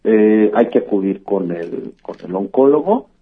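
A man's voice: lowish voice, lively intonation, a little slow, husky. A man, a physician explaining things patiently in a radio interview, with many "eh" fillers and "¿verdad?" tags. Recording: tinny phone-like line.

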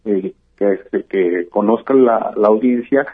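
Doctor on a tinny phone line. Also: male voice, on the low side, takes it slowly, slightly rough. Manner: patient, explanatory, frequent "eh" fillers and "¿verdad?" tags. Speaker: physician. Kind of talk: radio interview, explaining.

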